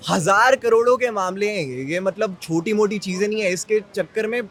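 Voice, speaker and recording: A young man giving his opinion in a street interview, calm and measured, slipping English phrases into his talk. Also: high-pitched, slight background noise. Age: young adult. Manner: measured, mixes English into speech.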